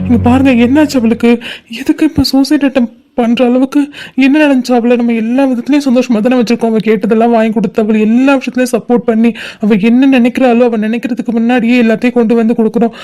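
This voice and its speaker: A woman's voice: fairly high pitch, level tone, quick pace, dark tone, soft background music, natural voice. A woman voicing an anxious cartoon brother. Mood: anxious consoling. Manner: urgent, questioning, consoling. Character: anxious young man, the girl's brother. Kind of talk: cartoon drama voice acting.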